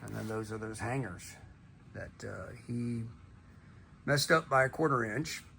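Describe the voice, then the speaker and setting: A middle-aged man talking casually to camera in a calm, unhurried, folksy way, like a plain-spoken motivational teacher. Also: on the low side, creaky. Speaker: video host and teacher. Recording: some background noise.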